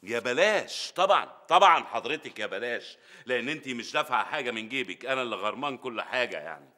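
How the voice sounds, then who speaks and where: A man's voice: mid-range voice, animated, quick pace. An actor playing a harried middle-aged father, sarcastic and exasperated, in a sitcom. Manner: exasperated, sarcastic, rises to shouting rants. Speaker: sitcom lead. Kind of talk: sitcom acting.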